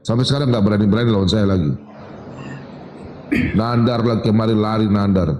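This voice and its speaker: A man in a heated live-stream debate, boastful and repeatedly telling others to calm down. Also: fairly low pitch, fairly quick, a little hiss or hum. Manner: boastful, keeps urging calm. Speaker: debate participant. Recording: echoey room with long reverb.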